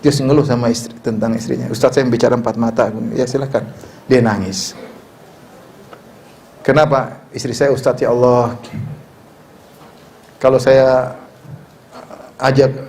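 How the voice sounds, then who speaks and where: A man's voice: medium pitch, fairly even intonation, unhurried, pauses often, a little mellow, slight background noise. A middle-aged man preaching a sermon, conversational and joking, who swings into emphatic exhortation. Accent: Indonesian. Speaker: Islamic preacher. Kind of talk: sermon with humorous asides.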